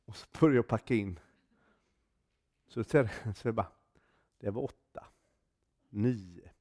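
A man's voice: fairly low pitch, dark tone. A man preaching a sermon in a conversational, storytelling way, telling a personal testimony and acting out the dialogue in it. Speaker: guest preacher.

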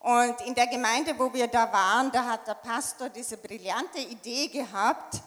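A woman from Tyrol with an Austrian German accent, telling a church testimony in short phrases and pausing for an interpreter. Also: a little high, fairly bright tone. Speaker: church member giving testimony. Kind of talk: sharing a personal story in short phrases for an interpreter. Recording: echoey hall with long reverb.

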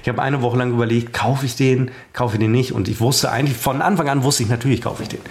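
A man's voice: mid-range voice, fairly even intonation, fast talker, a little hiss or hum. A man co-hosting a podcast, running silly quiz games in playful banter with a mock-serious showman manner. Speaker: podcast co-host.

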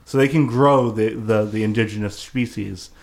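Animated, storytelling podcast guy. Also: fairly low pitch, normal speed, vocal fry. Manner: animated storytelling, acts out characters' lines, swears. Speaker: podcast co-host recapping a film. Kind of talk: casual comedic chat.

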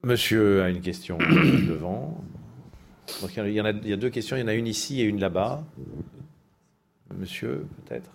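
A man's voice: fairly low pitch, animated, normal speed, gravelly, long pauses, slight background noise. A man moderating a public discussion informally, with hesitant, conversational phrasing.

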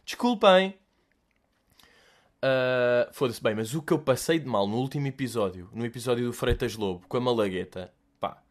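A young man with a European Portuguese accent talks in a loose, animated solo chat, cracking jokes and swearing freely. His voice sits at a middling pitch, and he rattles through slang as he answers listener questions.

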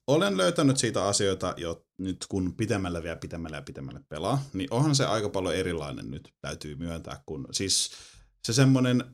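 A man in casual chat about video games, animated and swearing, jumping into high-pitched exclamations.

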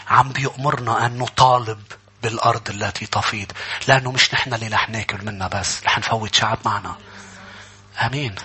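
A man's voice: mid-range voice, pushed and bright, husky. A man with a Lebanese accent preaching a sermon to his church congregation, emphatic and rousing, often calling out to the listeners. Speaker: pastor.

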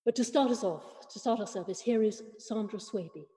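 A woman vicar leading a church service in a measured, formal liturgical manner, her voice ringing with a long cathedral echo. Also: medium pitch, dark tone. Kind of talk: liturgy and welcome notices.

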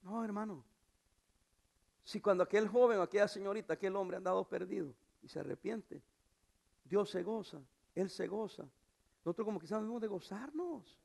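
A male pastor delivering a sermon, moving between hushed asides and loud emphatic exhortation. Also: normal speed, gravelly, long pauses. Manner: acts out quoted voices in a high pitch.

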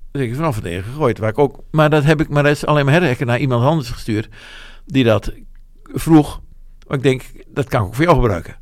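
A business owner in his 70s, interviewed in studio-quality audio with no room sound, talks frankly and at length about his business life. His mid-range voice moves quickly with hardly any pauses as he reflects in a rambling, self-deprecating way.

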